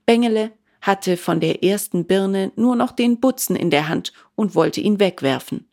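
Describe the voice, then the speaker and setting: A woman reading a children's book aloud in a calm, measured way. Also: mid-range voice. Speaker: audiobook reader.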